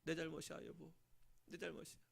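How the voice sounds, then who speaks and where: A preacher acting as remorseful Adam pleading. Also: male voice, on the high side, completely flat delivery, fairly quick, vocal fry, husky, voice pushed up, heavily acted. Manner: pleading, self-blaming. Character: remorseful husband Adam, apologizing to his wife.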